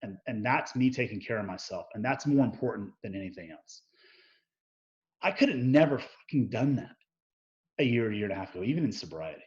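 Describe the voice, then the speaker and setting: A man's voice: on the low side, fairly quick, highs cut off. A man speaking as an interview guest, telling personal stories candidly, swearing freely and acting out bits of remembered dialogue. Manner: profane, animated, acts out quoted dialogue.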